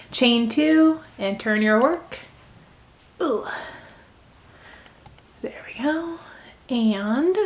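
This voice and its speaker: A woman hosting a casual crochet tutorial, chatting as she talks through each step. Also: a little high. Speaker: crochet video host.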